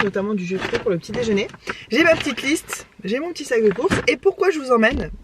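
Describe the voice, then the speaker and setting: Hoarse, chatty young woman vlogging. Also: medium pitch, dry recording. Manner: chatty, self-mocking, rambling. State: hoarse, just woken up. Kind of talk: casual vlog chat. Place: home in the morning, then driving a car.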